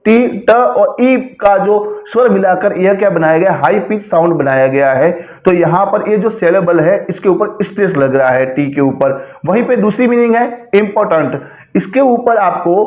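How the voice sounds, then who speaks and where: A man teaching a slide lecture, explaining slowly and repeating words to show how they are pronounced. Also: high voice. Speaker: English grammar teacher. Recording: echoey room, tinny phone-like sound.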